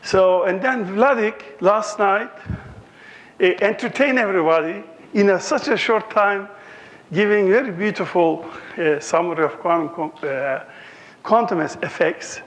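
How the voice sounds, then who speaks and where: A man's voice: high-pitched, unhurried, fairly bright tone. A man in his sixties from Turkey with a Turkish accent, giving a conference lecture in a joking, anecdotal way. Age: 60s.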